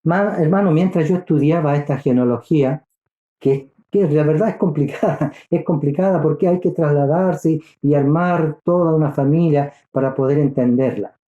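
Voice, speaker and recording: Earnest man teaching scripture, dark echoey voice. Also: a little high, moderate pace, highs cut off. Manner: earnest, repeats and restarts phrases, addresses listeners as brother. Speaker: Bible study teacher. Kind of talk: Bible study teaching.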